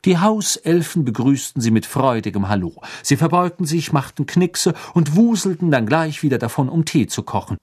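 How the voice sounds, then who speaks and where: A narrator reading an audiobook with lively storytelling. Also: mid-range voice, normal speed, hardly any pauses, breathy edge.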